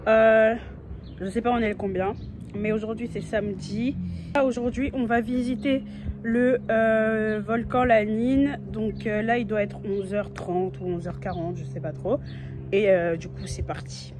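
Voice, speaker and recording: Holding her phone out at arm's length in a natural outdoor spot, a young travel vlogger talks to the camera in a chatty, playful way. Her mid-range voice stays steady and unhurried, and music plays behind her.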